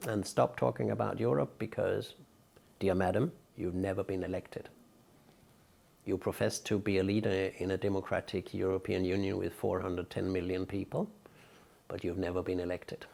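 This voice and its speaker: A man's voice: low-pitched, little pitch movement, normal speed, vocal fry, darkish tone. An older man from Denmark, giving outspoken, emphatic interview answers as a guest. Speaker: interview guest, peace researcher.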